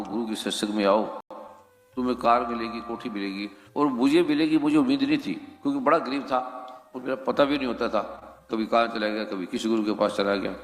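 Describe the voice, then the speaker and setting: A man recounting his spiritual life in a rambling, reflective way, often asking rhetorical questions. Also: medium pitch. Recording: echoey hall with faint music.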